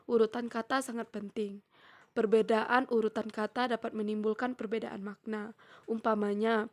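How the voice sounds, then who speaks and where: A young woman student reading a prepared lecture in a steady, measured way, slowing down when she reads out example sentences. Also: fairly high pitch. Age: young adult. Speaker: student presenter.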